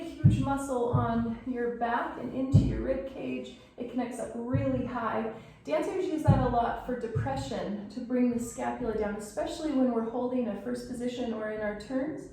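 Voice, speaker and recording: Woman, dance teacher, calls out moves and counts, mellow voice, far from the mic in a roomy space. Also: a little high, slight background noise. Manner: counts and calls out movement terms while demonstrating. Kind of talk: instructional dance lesson. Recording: echoey room from far off.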